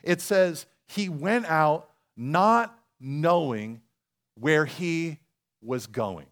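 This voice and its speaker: A man with a fairly high voice preaches in a church. He talks conversationally, asks his listeners questions and reads passages aloud as he goes. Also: expressive, extremely slow, a bit bright. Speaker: pastor. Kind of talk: sermon. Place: church sanctuary.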